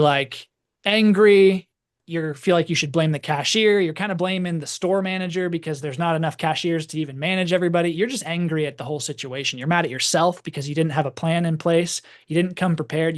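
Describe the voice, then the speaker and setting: A man with a somewhat high voice tells a story to a live audience. His delivery is loose and conversational, full of "like" and restarts. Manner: casual, rambling, heavy use of "like". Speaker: presenter.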